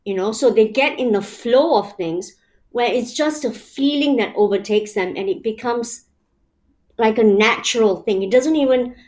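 Her voice sits fairly high and is a little mellow, moving at a moderate pace. She's a Malaysian woman being interviewed, walking through her thinking step by step in a relaxed, reflective way and leaning on "you know" again and again.

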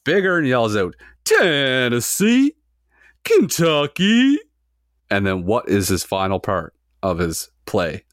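A man's voice: sits low, sing-song, measured pace, hardly any pauses, a bit bright, no echo, studio quality. Man quizzing friends on a podcast. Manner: reads quiz questions and options, swears casually. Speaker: podcast host running trivia quiz. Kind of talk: casual podcast trivia.

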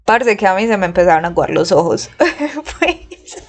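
A woman's voice: fairly low pitch, moderate pace, slight background noise. A young woman with a Colombian accent, telling a personal story in casual, slangy talk and acting out the quotes. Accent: Colombian Spanish. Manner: slangy, animated, acts out quotes.

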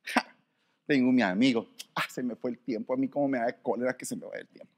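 A man preaching a sermon, swinging from soft, quiet passages to sudden shouts. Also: medium pitch, fast talker.

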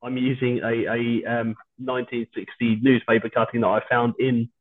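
British man podcasting over a tinny, low-quality stream. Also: little pitch movement, normal speed. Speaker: podcast host. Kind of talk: casual chat. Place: at home, on a video call. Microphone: video call without his usual microphone. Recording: low-quality online stream, phone-like sound.

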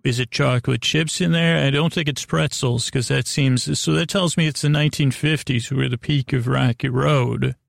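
A male podcast host improvises a silly, absurd monologue to an imaginary guest, all delivered with mock sincerity. His creaky, gravelly voice sits at medium pitch with a steady tone as he meanders, stammers, stumbles, trails off and starts over. The recording is dry and close.

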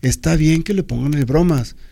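A man's voice: fairly high pitch, normal speed, gravelly, dark tone. A man co-hosting a casual podcast, blunt and teasing, swearing casually. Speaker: podcast co-host. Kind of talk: casual chat.

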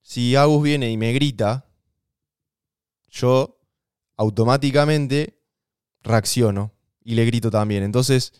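Podcast co-host, Argentine man, smooth voice, dry close sound, easygoing and slangy. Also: mid-range voice, takes it slowly, pauses often, dry recording. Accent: Rioplatense Spanish. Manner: relaxed, conversational, uses slang and examples. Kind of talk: casual relationship advice chat.

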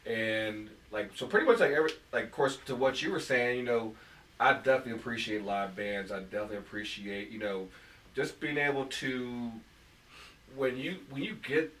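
An animated man co-hosting a casual chat, his words often stacking up in repeats. He sits a little back from the mic in a roomy, echoey space. A faint hiss sits under his voice. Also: mid-range voice, moderate pace, distant mic. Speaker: podcast co-host. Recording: echoey room, a bit off-mic, faint noise.

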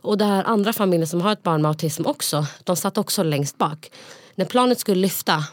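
A woman co-hosting a podcast, telling a story in a casual, animated way with frequent fillers. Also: fairly low pitch, no room sound, clean studio sound. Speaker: podcast co-host. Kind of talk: casual chat.

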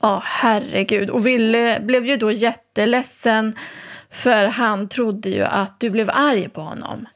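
A mother from Sweden joining in quickly and chattily as she retells the family story in casual conversation. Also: on the high side. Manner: quick, chatty, adds to her partner's story.

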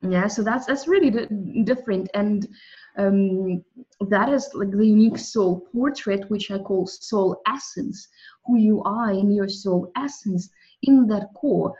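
The audio is dull, and the woman's mid-range, darkish voice moves a little slowly. She appears as a guest in a spiritual interview conversation, a Russian native speaker pondering the soul and language with thoughtful, frequently restarted phrasing.

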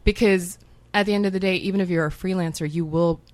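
A woman's voice: on the low side, fairly even intonation, fast talker, darkish tone, no echo. A woman in her thirties who grew up in Hong Kong, chatting as a podcast guest in a wry, self-mocking way and swearing freely. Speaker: guest writer. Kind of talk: casual podcast chat.

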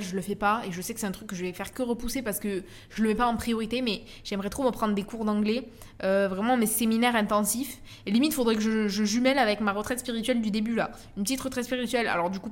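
A young French woman hosting a casual solo podcast, chatting in a slangy way with lots of fillers and repeated words. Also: mid-range voice. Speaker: podcast host. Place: at home in Dubai.

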